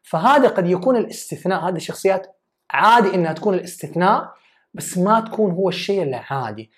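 A woman's voice: on the low side, animated, fast. A woman giving an earnest, emphatic self-development talk. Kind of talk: motivational talk.

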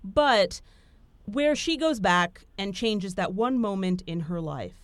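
A woman hosting a podcast, telling stories in a lively casual chat with lots of fillers. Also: mid-range voice, slow, no room sound. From Italian heritage. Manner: animated, storytelling with frequent fillers. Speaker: podcast host. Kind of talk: casual conversation.

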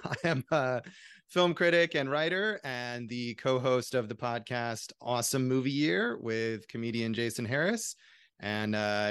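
A man chats casually as a podcast guest. His voice is clean and smooth, sitting at a middling pitch, with a dry, close sound. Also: a bit bright, no echo. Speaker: guest film critic and podcaster. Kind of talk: casual chat.

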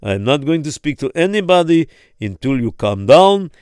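A man playing a grave, insistent rabbi who slows down to press his points. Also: a little high, sing-song, darkish tone, clear, resonant tone, no room sound, studio quality. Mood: solemn. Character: stern, solemn male rabbi advising a father.

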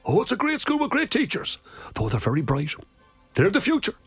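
A man playing a jolly, chatty old Santa Claus on live radio, gasping and exclaiming, then dropping low for warm asides. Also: wildly swooping pitch, a little fast, husky, soft background music, full character voice. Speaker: studio guest. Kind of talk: live radio banter in character.

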